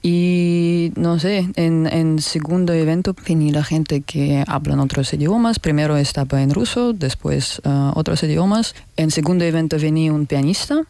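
A woman from North Ossetia, a guest on a radio interview, speaking halting Spanish and searching for words. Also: deep voice, dark tone, no echo. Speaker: community founder, guest.

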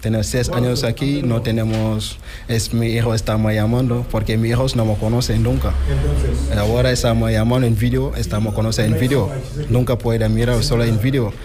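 A man from Senegal, speaking in halting, simple, broken sentences in a street interview. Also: medium pitch, flat delivery, crowd noise. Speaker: farm worker interviewed on the street.

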